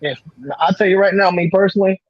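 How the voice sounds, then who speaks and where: A man's voice: high-pitched, fairly even intonation, quick pace, dry recording, highs cut off. A man co-hosting a podcast in a laid-back, easygoing way, repeating himself and laughing easily. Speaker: podcast co-host. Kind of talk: casual podcast chat.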